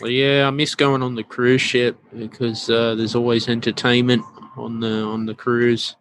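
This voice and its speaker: A man hosting a podcast, chatting in a laid-back, halting way with lots of fillers and murmured agreement. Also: medium pitch, flat delivery, fairly bright tone. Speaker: podcast host. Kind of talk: casual podcast chat.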